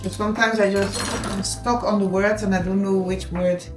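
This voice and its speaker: Cooking at home in the Netherlands, this mother and native Dutch speaker talks to her viewers at a normal speed in a medium-pitched, flat voice with a Dutch accent. She's chatty, addresses the audience directly and slips in Dutch words. Her kitchen sounds echoey, and music plays behind her.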